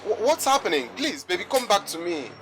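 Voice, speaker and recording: A man's voice: sits high, very animated, a little fast, a crowd in the background. Lovesick young man. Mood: pleading. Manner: pleading, emotional. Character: heartbroken young man pleading for his lover. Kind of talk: Nollywood drama acting. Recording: background music.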